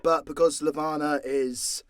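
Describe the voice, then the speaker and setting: Fairly high in pitch, this man's voice holds a steady tone at a measured pace, recorded at studio quality with no room sound. Hailing from southern Britain, the voice actor and audio story creator answers questions casually and unscripted in a southern English accent, joking, blunt and often swearing.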